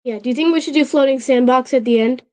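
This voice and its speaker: With a high-pitched, mellow voice, a channel host chats on a casual livestream in a halting manner. She keeps restarting and addressing her chat, and a still-healing sore throat makes her voice sound a bit off.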